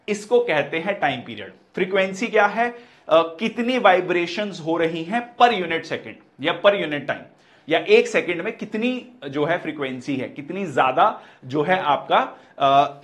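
A man delivers an exam-prep physics lecture in a fairly high voice. He explains step by step, repeats key terms and checks in often with short confirmations. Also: fairly bright tone. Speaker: physics teacher.

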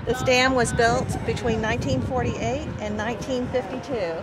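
A woman's voice: on the high side, steady tone, normal speed, heavy background noise. A woman narrating a sight to camera outdoors at a dam, in an informative way. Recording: loud outdoor ambience.

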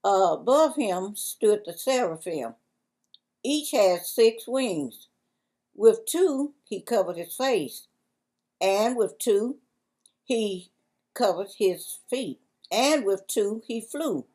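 An older woman with a Southern US accent, slowly and carefully reading a church devotion in a library on a lapel mic. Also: mid-range voice, animated, darkish tone, low-quality recording. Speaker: devotion reader.

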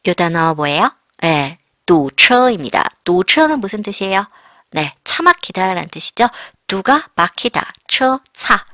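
Bright, lively woman teaching a language lesson. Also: mid-range voice, no room sound, clean studio sound. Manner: lively, acts out short everyday dialogues with playful sass. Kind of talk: classroom-style language lesson.

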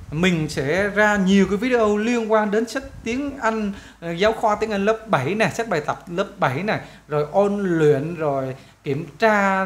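With a high-pitched voice, a man teaches English to schoolchildren casually and conversationally; Vietnamese is his first language. He often repeats phrases and slowly spells out the English questions.

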